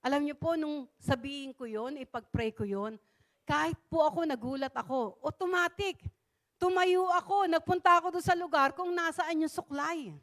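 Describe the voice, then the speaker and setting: A Filipino-accented woman preaching in a church, her voice pitched high and bright. She shares a testimony in a lively way and keeps drawing in the congregation with quick questions. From Philippines. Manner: animated, calls on the congregation, tag question "no?". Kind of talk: Taglish sermon with a testimony. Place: church service.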